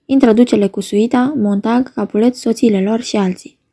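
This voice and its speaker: A woman reads out the stage directions of a play in a plain, even way. Her voice is mellow and sits a little high. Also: slightly rough. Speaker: reader.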